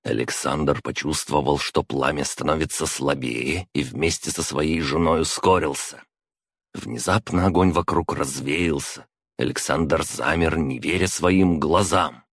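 A man narrating a fantasy audiobook in a steady, measured way. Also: rumbling low, breathy edge, no room sound, clean studio sound.

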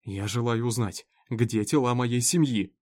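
A man voicing an enraged grieving farmer who shouts in fury, in a read-aloud story. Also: medium pitch, unhurried, natural voice. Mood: furious. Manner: shouting, furious.

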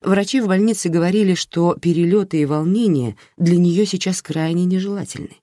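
A woman narrating an audiobook with lively storytelling intonation. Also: on the low side, a little fast, no echo, studio quality. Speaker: audiobook reader.

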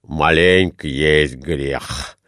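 A man's voice: extremely low pitch, very slow, a bit bright, no echo, studio quality, pitched below the performer's own voice, full character voice. A man voicing a clumsy middle-aged husband who grumbles and mutters in a storybook reading. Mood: grumbling.

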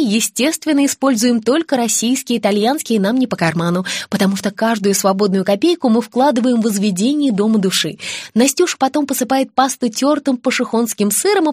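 A woman's voice: a little high, a little mellow, breathy edge, no echo, studio quality. A woman voicing a chirpy, pretentious mother who boasts about her household.

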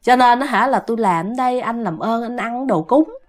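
A woman voicing a frightened poor young husband. He speaks softly and pleadingly. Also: fairly high pitch, expressive, brisk, close to an everyday voice. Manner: soft, pleading.

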